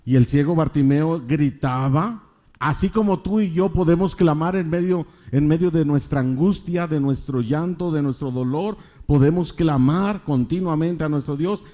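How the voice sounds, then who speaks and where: Male preacher, middle-aged, mellow tone, emphatic repetition of key phrases. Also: on the high side, moderate pace. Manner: questions the congregation, repeats key phrases emphatically. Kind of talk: sermon.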